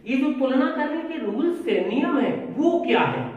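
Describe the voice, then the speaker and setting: A male English teacher, explaining grammar slowly and repeating himself, spelling words out letter by letter. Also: very high-pitched, lively intonation, darkish tone. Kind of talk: classroom grammar lesson. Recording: echoey room from far off, dull sound.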